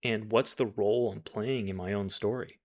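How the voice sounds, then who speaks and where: A man who works as a life coach, telling a personal story in a measured, reflective way with occasional self-corrections. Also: lowish voice, fairly even intonation.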